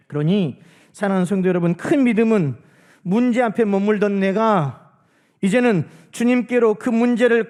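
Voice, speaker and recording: A man preaching a sermon in church as pastor, animated and acting out the quoted speech. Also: high-pitched.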